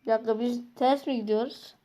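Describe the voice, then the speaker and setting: A woman hosting a gaming channel, giving casual gameplay commentary, talking to herself with sudden excited outbursts and slangy restarts. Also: a little high, fast, poor audio.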